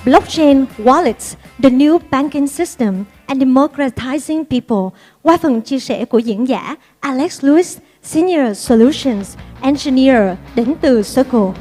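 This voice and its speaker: A woman's voice: sits high, lively intonation, moderate pace, a little mellow, faint music behind. A woman with a Vietnamese accent hosting a conference, upbeat and engaging the audience with questions. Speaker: event MC. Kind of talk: bilingual event hosting. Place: conference hall.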